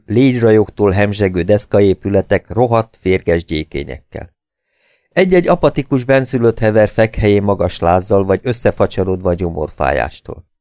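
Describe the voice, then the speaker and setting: A man narrating an audiobook in a steady, measured reading. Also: on the low side, no echo, clean studio sound. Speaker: audiobook reader.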